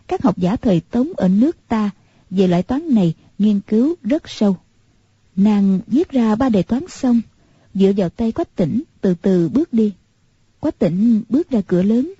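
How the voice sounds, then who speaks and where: A woman narrating a martial-arts novel in a steady, measured way. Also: medium pitch, slightly rough, no room sound. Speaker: audiobook narrator. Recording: muffled lo-fi recording.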